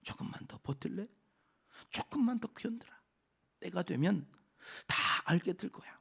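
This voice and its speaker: A pastor voicing God as a tender father, speaking softly and gently, half in a whisper. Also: high voice, animated, moderate pace, gravelly, slightly rough, heavily acted.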